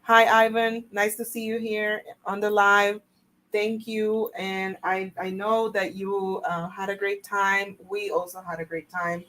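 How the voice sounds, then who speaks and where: A woman's voice: mid-range voice, little pitch movement, measured pace, a bit bright, low-quality recording. A woman from El Salvador, co-hosting a live stream, talking earnestly and at length with many fillers. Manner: earnest, apologetic, filler-heavy. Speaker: co-host answering live chat. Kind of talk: casual livestream chat.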